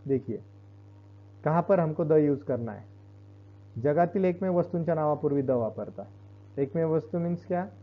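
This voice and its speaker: A man teaching English grammar in a classroom-style lesson, explaining slowly and repeating each point. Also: on the high side, expressive. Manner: explains slowly, repeats points, switches between Hindi and Marathi. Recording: dull lo-fi recording.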